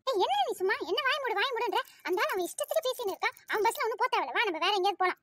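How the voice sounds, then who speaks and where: A cheeky, sharp-tongued young college girl, squeaky and very high, rattling off her words at speed, as a woman voices her. She bickers and talks back like a cartoon heroine who never backs down. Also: very fast. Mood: defiant. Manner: quarrelsome and cheeky, then pleading. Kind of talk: cartoon voice acting.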